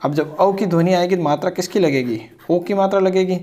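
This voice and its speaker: A man's voice: high voice, dark tone. A grammar teacher who explains step by step, stretches out sounds as he writes them, and keeps asking "ठीक है ना". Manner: repetitive, checks in with "ठीक है ना"; drawn-out spelling of sounds. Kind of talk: blackboard grammar lesson.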